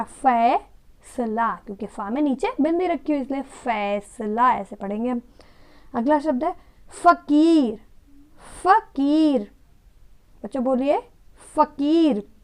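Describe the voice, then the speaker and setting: A woman teaching a children's Hindi class, saying each word slowly and over again for the pupils to repeat, with short words of English praise. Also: high voice. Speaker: primary school Hindi teacher. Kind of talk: slow, drilled pronunciation lesson for children.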